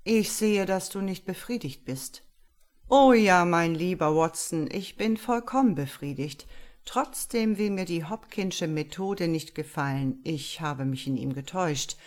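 A brisk, confident master detective, read aloud by a woman lays out his reasoning in a lively, raised voice. It sits low for a woman and comes across as storybook narration. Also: lightly acted.

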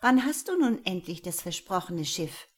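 A woman's voice: on the low side, big pitch swings, normal speed. A woman reading the lines of an impatient, demanding young girlfriend in a crime story.

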